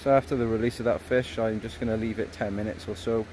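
Talking quickly with a lowish voice, a thirty-something fishing vlogger films himself at arm's length on a phone or action camera beside a river. His casual outdoor narration is relaxed and rambling, peppered with ums, while a faint outdoor hum sits in the background.

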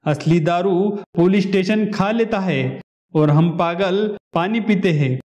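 A man voicing a rowdy, drunken, sly man who drawls slowly and mocks everyone. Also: sits high, darkish tone.

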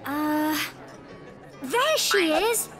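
A woman voicing a friendly little male cartoon monster who loves drawing, talking slowly and gently to young children. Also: high-pitched, big pitch swings, over music, a crowd in the background, heavily acted. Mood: eager. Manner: slow, gentle and cheerful, speaking to children. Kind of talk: cartoon voice acting for preschoolers.

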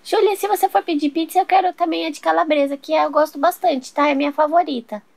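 Woman doing a pushy high little girl. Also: fairly even intonation, quick pace, gravelly, no echo. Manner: pushy, chatty. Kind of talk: toy doll soap opera voicing.

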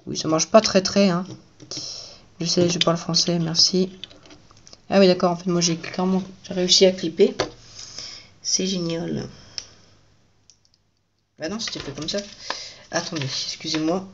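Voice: mid-range voice, steady tone, a little slow, long pauses, slight background noise. Chatty toy reviewer, slightly muffled recording. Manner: chatty, keeps praising with the same words. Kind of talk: casual build commentary. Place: at home at night.

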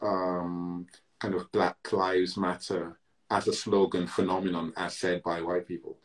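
A man's voice: sits low, little pitch movement, measured pace. A man from Britain with Barbadian roots, speaking in a reflective interview over a video call, with frequent restarts and "you know" fillers. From Britain, Barbadian heritage. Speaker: interview guest, musician. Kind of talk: reflective conversation. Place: indoor room at home.

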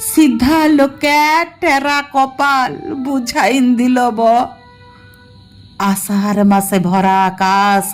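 Taking on the role of a poor, doomed village girl, a woman performs dramatic poetry in a rural western Bengal dialect with an exaggerated, high-pitched voice. Her drawn-out, plaintive, emotive delivery moves from sorrow to hope and pleading.

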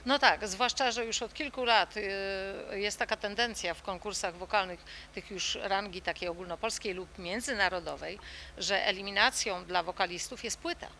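A middle-aged woman who leads a children's song group answers interview questions in a thoughtful way, pausing often with fillers and restarts. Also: medium pitch, pushed and bright, a little hiss or hum.

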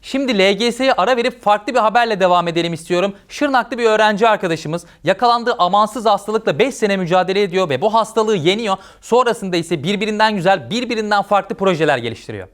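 Man, news anchor, high voice, fast delivery, upbeat, encouraging. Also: lively intonation, a bit bright. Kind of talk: scripted news presenting.

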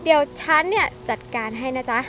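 A woman's voice: sits high, lively intonation, fast talker, loud music behind the voice. A woman playing a wheedling young schemer coaxing an aunt in a short film. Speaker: persuasive schemer.

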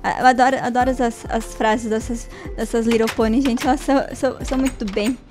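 Brazilian girl gamer, high voice, chatty n playful, little squeals, faint music behind. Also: steady tone, fairly quick. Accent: Brazilian Portuguese. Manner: chatty, playful, talks to viewers and in-game characters, bursts of high squeals. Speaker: Minecraft let's player. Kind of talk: casual gameplay commentary.

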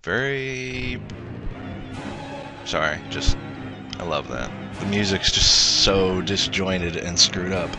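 A man's voice: low-pitched, slow, pauses often, music in the background. A man hosting a let's play with casual game commentary and wry asides.

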